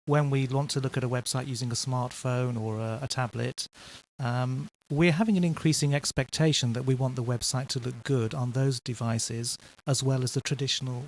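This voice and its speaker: A man explaining web design as a radio guest, in a measured, explanatory way. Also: medium pitch. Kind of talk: explanatory interview answers.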